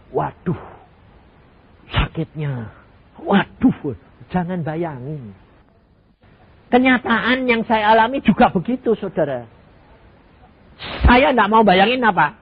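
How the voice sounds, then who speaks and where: An older man preaching a sermon in with a tinge, throwing out rhetorical questions and sudden loud bursts. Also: fairly high pitch, husky. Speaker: evangelist preacher. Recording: tinny lo-fi phone-like audio.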